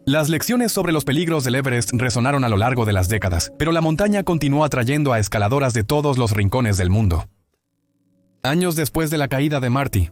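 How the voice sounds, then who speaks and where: A man reading scripted documentary narration in a dramatic storytelling manner. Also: mid-range voice.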